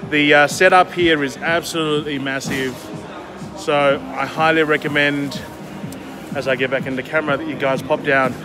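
A man's voice: on the high side, fairly even intonation, music in the background. A man, vlogging a chatty walkaround of an aquarium expo on a handheld gimbal camera. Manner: upbeat, chatty, fast run-through of booths. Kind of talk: walkaround vlog. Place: large indoor expo hall. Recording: noisy hall with background chatter.

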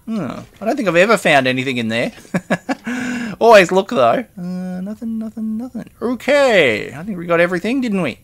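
Playing a survival game, a gaming video host chats in a casual, rambling way, murmuring item names and laughing to himself. His high-pitched voice is sing-song and a bit bright, at normal speed.

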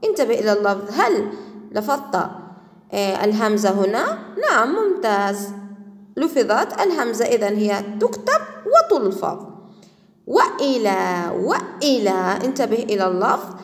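Patient woman teacher, lively echoing voice. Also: on the high side. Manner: patient, repeats words slowly and praises often. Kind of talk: classroom grammar lesson. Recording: echoey room with long reverb.

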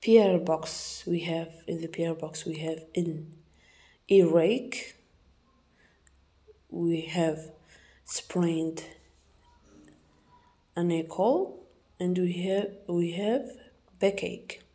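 A young woman teacher with an Algerian accent goes through an exam correction, slowly repeating each word to model its pronunciation. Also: fairly low pitch, mellow. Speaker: English teacher.

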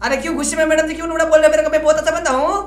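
High-voiced young man teasing in game chat. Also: level tone, rapid-fire, slight background noise. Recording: echoey room with background music.

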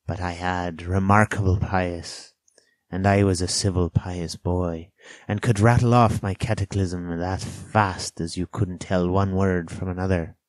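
A man gives voice to a storybook's old marooned sailor, half-crazed, sly and childish, using rustic dialect, drawn-out words and sudden excitable bursts. His pitch is low and there's no echo. He sounds rambling and confiding.

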